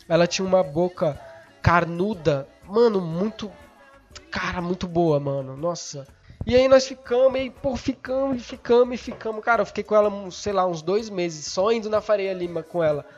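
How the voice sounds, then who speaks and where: A young man, hosting a podcast while stoned, rambling and excitable, swearing often and losing his thread. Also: high-pitched, highs cut off. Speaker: podcast host. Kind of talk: casual rambling storytelling.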